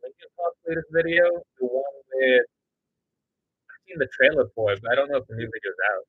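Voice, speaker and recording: A man's voice: medium pitch, animated, a little fast, breathy edge, no echo, phone-quality sound. A man chatting loosely and jokingly with his viewers as a stop-motion creator on a casual livestream.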